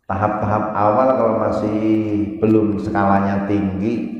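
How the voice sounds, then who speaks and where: A slow-speaking male preacher, chanting verses and joking with the congregation. He is heard from far off through a dull public-address recording that rings with long mosque-hall reverb. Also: fairly low pitch, level tone. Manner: chants Arabic verses, then explains in casual talk with jokes. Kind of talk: dawn mosque sermon.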